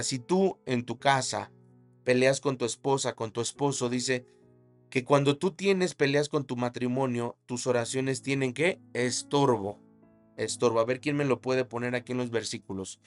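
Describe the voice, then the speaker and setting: Male preacher, mid-pitched, animated storytelling sermon over faint music. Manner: dramatic storytelling preaching, shouted sound effects. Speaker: pastor.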